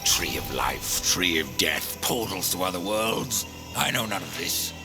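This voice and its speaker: A man's voice: deep voice, expressive, measured pace. A man voicing Death, a grim, suspicious pale rider in a video game, terse and brooding. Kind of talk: video game cutscene acting. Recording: loud music under the voice.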